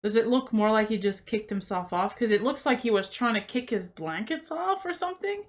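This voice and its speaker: A woman's voice: a little high, lively intonation, a little fast. A woman hosting a reaction video, chatting casually and skeptically about what she sees. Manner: chatty, skeptical, thinking aloud. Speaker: host reacting to paranormal clips.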